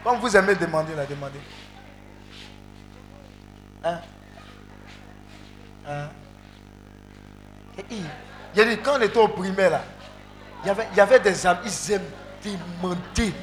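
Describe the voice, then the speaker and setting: A male preacher leading an interactive sermon, calling out to the congregation and breaking into loud exclamations. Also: high-pitched, moderate pace, pauses often. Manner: animated, calls out to the congregation, bursts into loud exclamations. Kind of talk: interactive sermon with call and response.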